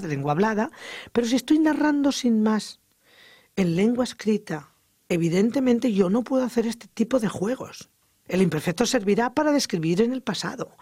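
A grammar teacher giving an educational radio lesson, explaining lively and acting out example sentences. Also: medium pitch, dry recording, clean studio sound.

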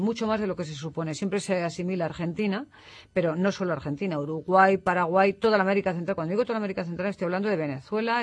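A man from Spain, explaining as an expert guest on a radio talk show, in a didactic manner that often tags statements with a questioning "no". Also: sits high. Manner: didactic, tags statements with "¿no?", corrects himself mid-sentence.

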